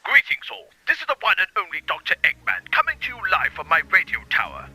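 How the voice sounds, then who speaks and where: A man's voice: sits high, huge pitch swings, fast talker, pushed and bright, husky, soft background music, heavily acted. A man playing a pompous, menacing villain doctor in an audio drama, broadcasting a threat over the radio. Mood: gloating menace. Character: gloating theatrical villain doctor issuing a threat. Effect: radio transmission.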